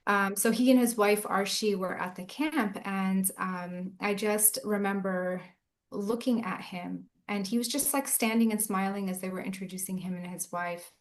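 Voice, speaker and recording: Guest: woman in her forties, mid-pitched chaplain, earnest and reflective. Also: steady tone, moderate pace. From Southern California. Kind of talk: casual interview talk.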